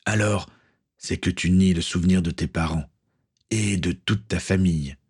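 A man's voice: deep voice, moderate pace, a little mellow, breathy edge. A man voicing a stern middle-aged pirate captain, an uncle who speaks with firm authority.

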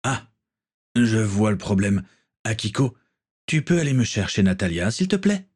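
A man voicing a stern ship captain in a storybook reading, measured and commanding, with a husky voice. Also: on the low side, sing-song, darkish tone.

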